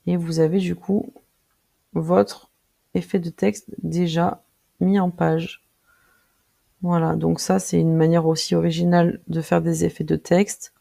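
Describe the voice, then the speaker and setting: A presenter walking viewers through a design tool in a casual screen-recorded tutorial, speaking directly to them and pausing often with filler sounds while clicking. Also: mid-range voice, level tone, creaky, warm tone. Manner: friendly, addresses viewers directly.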